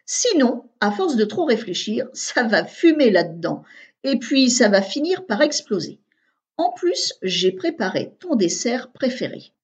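A woman's voice: on the high side, sing-song, measured pace. Woman doing a coaxing storybook mother. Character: warm coaxing mother of two. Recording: dull lo-fi recording.

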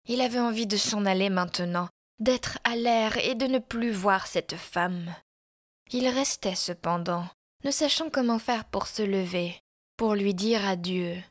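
Slow, measured woman narrator. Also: mid-range voice. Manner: measured, expressive storytelling. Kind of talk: audiobook reading of a classic story.

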